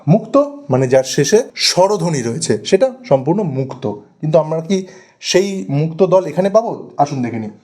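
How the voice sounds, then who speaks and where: Fairly high in pitch and mellow, this man's voice is expressive as he teaches grammar for an exam. His West Bengal Bengali accent comes through while he deliberately slows down, repeating example words and stretching them out.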